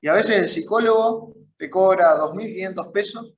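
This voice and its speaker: A man's voice: high voice, moderate pace, echoey room, dull audio, a little hiss or hum. A man with an Argentine Spanish accent teaching a church Bible class in a conversational way, often checking in with his listeners. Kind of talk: church Bible study lesson. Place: church meeting room.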